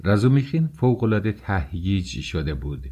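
A man reading a novel aloud as an audiobook narrator, measured and even. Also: on the low side, slightly rough. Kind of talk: scripted narration.

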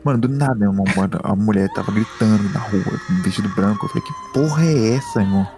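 Male podcast co-host, gravelly and mellow, excitable storyteller with faint music under. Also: lowish voice, quick pace. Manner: excitable, repeats words and slang. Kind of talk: casual storytelling chat. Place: home room.

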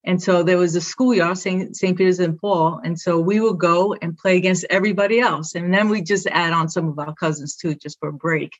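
Her voice is on the low side with fairly even intonation, and she speaks fairly quickly with few pauses over lo-fi audio. She's a middle-aged woman from Brooklyn, New York, with the local accent, appearing as an interview guest and chatting in short, proud, upbeat phrases about being an athletic director.

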